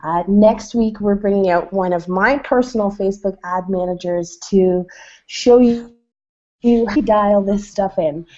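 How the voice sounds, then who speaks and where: Woman from Canada, webinar host, chatty, enthusiastic, mellow voice, muffled lo-fi call audio. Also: medium pitch, measured pace. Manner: enthusiastic, chatty, frequent fillers. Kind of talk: casual online webinar hosting. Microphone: video call.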